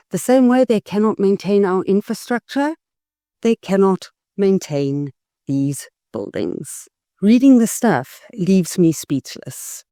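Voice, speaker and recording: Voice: medium pitch, dark tone, no echo, clean studio sound. A political YouTuber, giving emphatic, scathing commentary and leaning hard on key words. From South Africa. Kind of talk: opinionated political commentary vlog.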